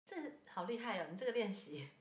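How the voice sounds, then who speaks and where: A woman's voice: medium pitch, animated, quick pace. A woman co-hosting a podcast in casual chat, listening and adding short replies. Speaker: podcast co-host. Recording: roomy echo.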